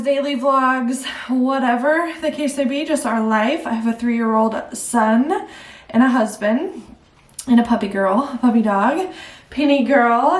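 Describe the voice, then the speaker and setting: A young woman vlogging at home, breathless, chatting casually and rambling, laughing at herself. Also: a little high. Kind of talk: casual chat to camera. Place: at home indoors. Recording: roomy echo, mic at a distance.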